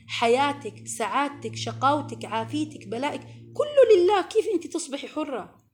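A woman giving an earnest religious lesson to women, pleading and coaxing, rising to strong emphasis. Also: sits high. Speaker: preacher addressing women.

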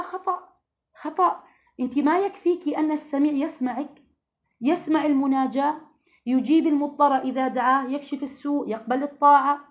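A woman's voice: high voice, highs cut off. A woman teaching a religious lesson to women, earnest and asking her listeners questions.

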